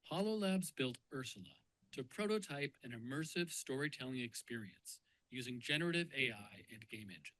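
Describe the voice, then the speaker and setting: A man narrating a promotional video in a smooth, explanatory voice-over. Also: mid-range voice, expressive, moderate pace, a bit bright, slight background noise, low-quality recording.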